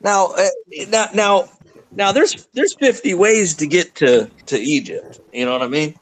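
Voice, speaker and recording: A man's voice: high-pitched, a little slow, low-quality recording. A man on a casual live stream chat, talking in an emphatic, folksy way.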